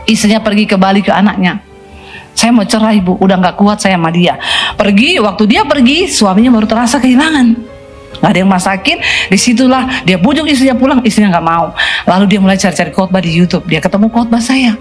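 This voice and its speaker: A middle-aged woman pastor preaching in a lively storytelling way, acting out quoted voices and dropping in English phrases. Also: mid-range voice, a little fast, soft background music. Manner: colloquial, mixes in English phrases. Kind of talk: sermon.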